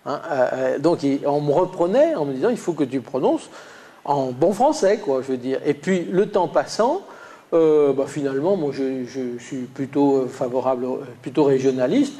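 A man's voice: mid-range voice, animated, moderate pace, dark tone. A man from Lyon with a slight Lyonnais accent, giving a classroom lecture with slides, full of hesitations and restarts. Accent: Lyonnais French, slight. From Lyon, France. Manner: hesitant, many "euh" fillers and restarts.

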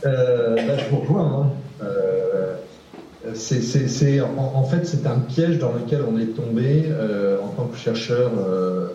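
A man's voice: medium pitch, lively intonation, slow, warm tone, a little hiss or hum. A male researcher answering a question in a panel discussion, hesitant, with many fillers and repeated words. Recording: distant, echoey, dull room recording.

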